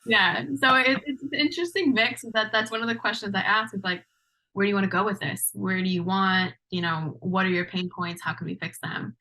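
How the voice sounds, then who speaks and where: A woman's voice: mid-range voice, fairly quick, pushed and bright, poor audio. A woman guest in casual podcast conversation, chatty with lots of restarts. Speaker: guest, implementation lead.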